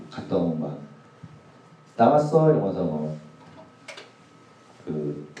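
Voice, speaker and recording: A deep-voiced youth pastor in his forties tells funny stories during a sermon, his pitch rising and falling a lot. He is caught from a distance in a very echoey church hall. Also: dark tone. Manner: casual, humorous anecdotes told to a youth group. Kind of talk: sermon storytelling.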